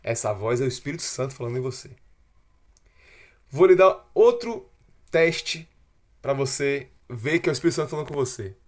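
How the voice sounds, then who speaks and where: A man giving a devotional Bible lesson, swinging between hushed, slow stretches and loud, emphatic ones. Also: mid-range voice, lively intonation. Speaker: Bible teacher. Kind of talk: devotional teaching.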